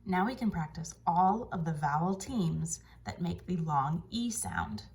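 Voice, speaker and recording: Woman teacher doing phonics drills for kids, stretches out every sound, slightly low voice. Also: expressive, a little mellow. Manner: slow, drawn-out sound drills. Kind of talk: phonics lesson for children.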